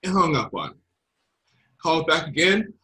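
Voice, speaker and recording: A man chats in a brisk, playful way and laughs often. His voice is bright and sharp-edged, and a little high for a man. His pitch swings widely as he speaks. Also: sing-song. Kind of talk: casual chat.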